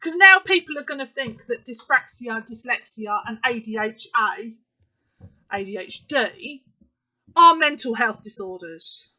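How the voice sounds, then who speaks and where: A woman's voice: a little high, expressive, unhurried, pushed and bright. A woman, talking straight to camera in a casual vlog, emphatic and indignant, with plenty of fillers. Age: 30s. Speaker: vlogger. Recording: slightly muffled lo-fi recording.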